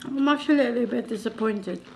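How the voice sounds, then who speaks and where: Filipina woman, casual food vlog host, chatty storyteller, a touch high-pitched, faint background hiss. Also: fast, creaky, a little mellow. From Philippines. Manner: chatty, retells stories with mimicked voices. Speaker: food vlogger. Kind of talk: casual food-tasting chat.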